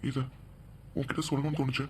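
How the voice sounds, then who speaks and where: A man voicing a young man in a cartoon, gently teasing and persistent. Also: medium pitch, little pitch movement, quick pace, noisy background, natural voice. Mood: earnest. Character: young man leaving for abroad, tender and teasing. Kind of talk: cartoon voice acting.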